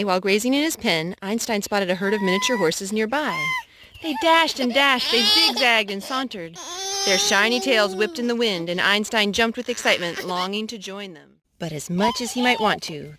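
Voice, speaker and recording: Reading aloud and breaking into songs, a woman runs a sing-song storytime, speaking expressively to small kids the way a mother would. Her voice sits in the mid range. The background is noisy.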